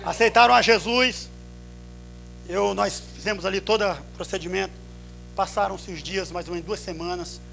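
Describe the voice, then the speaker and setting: A Brazilian man preaching a sermon at a church service, swinging from hushed storytelling to drawn-out shouts. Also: sits high, fairly even intonation, creaky, soft background music. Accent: Brazilian Portuguese.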